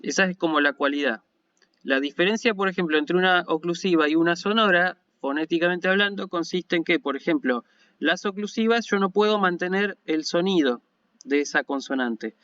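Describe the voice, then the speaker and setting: This online lecture comes from a university teacher of Ancient Greek who speaks with an Argentine Spanish accent and a patient, explanatory style, checking in with listeners often. His fairly high, smooth, resonant voice has a sharp tone and moves at normal speed. The recording is dry, yet dull and lo-fi.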